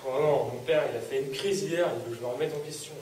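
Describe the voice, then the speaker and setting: A man's voice: on the high side, quick pace, natural voice. A young man in a student sketch, playing a struggling son who sulks and defends himself. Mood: frustrated. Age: young adult. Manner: sulky, defensive. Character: struggling, frustrated teenage son. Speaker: student actor. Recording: echoey room, distant mic, noisy.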